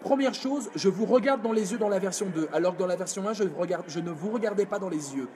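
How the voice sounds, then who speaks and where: Man, speaking coach, high pitch, energetic, demonstrative, live video workshop. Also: quick pace, background noise. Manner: energetic, demonstrative, reads chat comments aloud.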